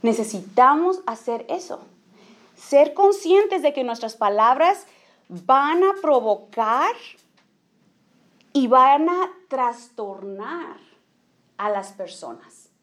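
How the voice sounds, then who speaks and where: A woman's voice: sits high, expressive, takes it slowly, long pauses, fairly bright tone. Woman teaching, checks in with ok. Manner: checks in with the audience with frequent "ok?"; mixes in English phrases. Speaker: speaker at a women's church gathering. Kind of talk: informal teaching talk.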